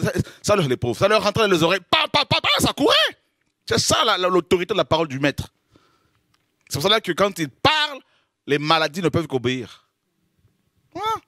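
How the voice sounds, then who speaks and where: A man preaching a lively sermon, exclaiming, making dramatic sound effects and laughing between points. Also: a little high, dry recording, clean studio sound. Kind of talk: animated sermon.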